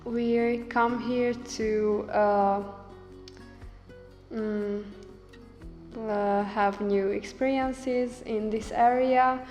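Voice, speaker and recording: A woman from Hungary introducing herself hesitantly with many pauses. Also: a little high. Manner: hesitant, flat, slow. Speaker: project participant. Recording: echoey hall with faint music.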